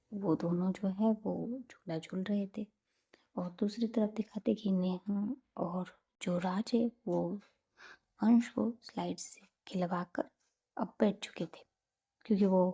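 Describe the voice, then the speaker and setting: A woman narrating a romantic story in a soft, half-whispered storytelling manner. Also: fairly low pitch, gravelly, slightly rough.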